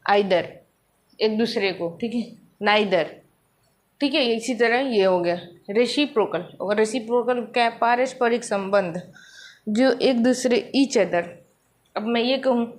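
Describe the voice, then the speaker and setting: A woman teaching English grammar in a classroom lesson, explaining in Hindi, reading English examples out slowly and often checking whether her students follow. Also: a little high.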